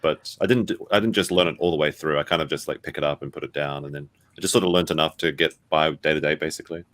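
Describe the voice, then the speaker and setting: A man's voice: very deep voice, fairly even intonation, fast talker, a bit bright, no room sound. A man from Australia with an Australian accent, chatting casually in a group in a jokey, self-deprecating way.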